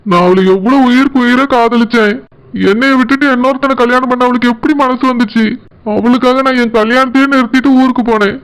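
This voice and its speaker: A jilted young man, played by a male cartoon performer pours out his bitterness. His voice is unusually high and smooth, and he speaks with a Kanyakumari Tamil accent. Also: fairly even intonation, quick pace, a bit bright, rough recording. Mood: anguished. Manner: anguished, self-pitying. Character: heartbroken young man lamenting lost love. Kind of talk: cartoon voice acting.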